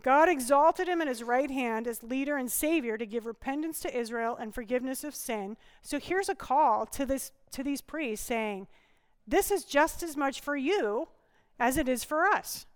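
A woman's voice: high voice, expressive, normal speed, clean tone, in a large hall. A woman preaching a conversational sermon with humor, often asking the congregation questions.

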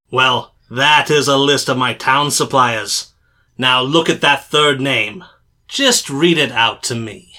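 Surly, combative market trader, played by a man; bright, forceful voice. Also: mid-range voice. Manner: blustering, combative, quick to anger. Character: surly, hot-tempered male poultry salesman. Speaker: market stall salesman.

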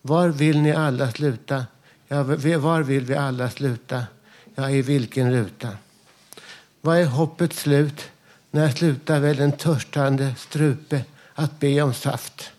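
A man reading his own song lyrics aloud without a melody, chanting repeated slogan lines in a steady rhythm. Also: mid-range voice.

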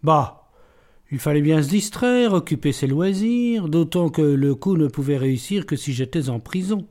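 A man's voice: a little high, lively intonation, normal speed, warm tone, natural voice. Man doing Arsène Lupin, suave teasing thief. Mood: mocking. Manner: playful, teasing, self-assured.

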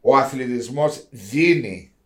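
Man, fifties, Greek Cypriot accent, casual sports talk, medium pitch, emphatic storytelling. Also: expressive. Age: 50s.

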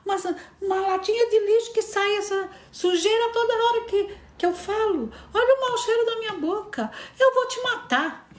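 Brief: woman putting on a furious little girl, squeaky high and tearful, shrieking, roomy echo. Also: brisk, few pauses. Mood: shrill, tearful rage. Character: shrill, furious young girl, crying and threatening. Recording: echoey room.

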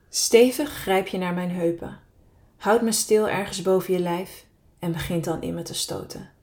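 Woman reading her own steamy story, low-ish voice, slow and intimate. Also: a little mellow. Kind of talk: first-person erotic story reading.

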